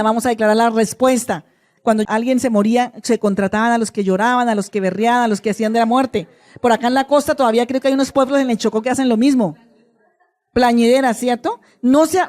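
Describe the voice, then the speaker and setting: A middle-aged woman pastor, preaching an animated sermon and acting out the people in her stories. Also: high-pitched.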